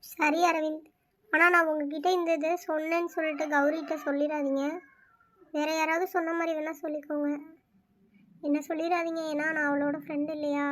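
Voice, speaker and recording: A woman's voice: high-pitched, little pitch movement, fairly quick, close to an everyday voice. A woman voicing an anxious, secretive young woman friend in a cartoon story, speaking earnestly and pleading. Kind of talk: cartoon voice acting.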